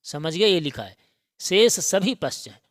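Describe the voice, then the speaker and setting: A man's voice: sits high, big pitch swings, dry recording, clean studio sound. A man teaching a grammar lesson for exam preparation, drilling the sounds by repetition and checking often that students follow. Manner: slow, repetitive drilling, frequent check-ins.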